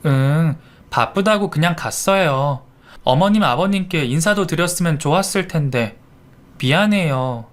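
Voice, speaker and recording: A man voicing a gentle young wife in a Korean radio drama, speaking softly and politely. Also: a little high, lively intonation, measured pace. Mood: apologetic.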